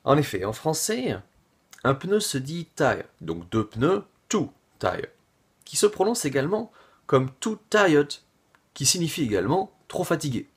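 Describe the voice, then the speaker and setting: Husky slow-talking man explaining a pun. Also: fairly high pitch, sing-song. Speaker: guest comedian. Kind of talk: deadpan joke explaining.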